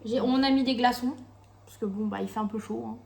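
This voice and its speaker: Higher-voiced, slangy Frenchwoman chatting casually. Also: steady tone, fairly quick, gravelly, a little mellow. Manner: informal, slangy. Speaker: co-host of a tasting video. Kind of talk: casual tasting chat. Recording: faint background noise.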